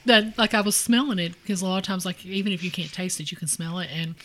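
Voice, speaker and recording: A woman's voice: lowish voice, fast, a little hiss or hum. A woman co-hosting a casual snack-tasting chat, easygoing and agreeable. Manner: easygoing, lots of agreeing murmurs. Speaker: co-host.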